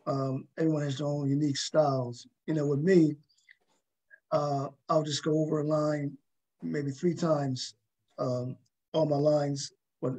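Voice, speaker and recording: A man hosts a conversational talk show, his mellow, soft-edged voice sitting a little higher than most men's. He rambles his way toward each question, doubling back on words, and the recording is low quality.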